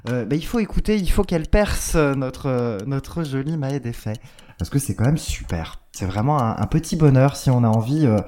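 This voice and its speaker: A man talks through albums he likes on a music show, easygoing and unhurried. He often stalls and repeats a word before going on, and his voice sits at an ordinary middle pitch. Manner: relaxed, with frequent hesitations and repeated words. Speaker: music reviewer. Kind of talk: casual chat on a music show.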